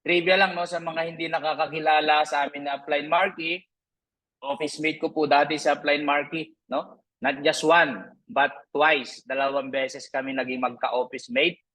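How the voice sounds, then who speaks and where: A man in his thirties hosting a live online sales training, upbeat and chatty, who keeps tagging his sentences with a quick "no?", heard through an online meeting microphone. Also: fairly high pitch, fairly even intonation, sharp tone, poor audio.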